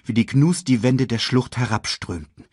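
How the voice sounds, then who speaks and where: A man reading a children's story aloud in a slow, dramatic storytelling manner. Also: breathy edge, no echo, studio quality. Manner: slow and dramatic, very lively in pitch. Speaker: audiobook reader. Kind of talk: storybook narration.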